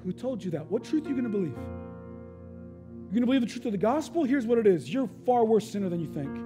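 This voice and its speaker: High-voiced man preaching with swings. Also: lively intonation, fairly quick, over music. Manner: emphatic preaching that swings from loud to hushed. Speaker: pastor. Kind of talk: sermon.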